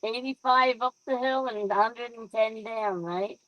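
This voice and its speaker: A woman's voice: fairly high pitch, measured pace, dry recording, lo-fi sound. A woman co-hosting a podcast, chatting casually with short agreeing replies. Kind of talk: casual chat.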